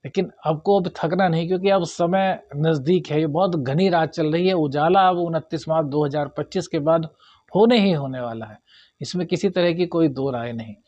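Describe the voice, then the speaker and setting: A man's voice: a little high, moderate pace, darkish tone, dry recording, highs cut off. A man, an astrologer giving a monthly horoscope talk and advising viewers earnestly, calling them brother.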